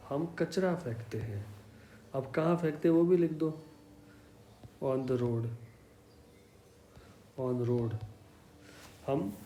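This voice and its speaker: A man teaches a basic English lesson, walking through each example slowly and repeating it patiently. His voice is soft and mellow. The recording carries a roomy echo and a faint background hum. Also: medium pitch. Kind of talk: slow explanatory language lesson. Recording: echoey room with faint hum.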